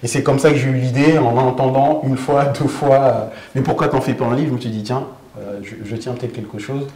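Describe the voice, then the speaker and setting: A man's voice: medium pitch, fairly quick. Man in his forties, hesitant storyteller. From Senegal. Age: 40s. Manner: animated storyteller, frequent hesitations and restarts. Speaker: guest author. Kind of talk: interview answers. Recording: echoey room.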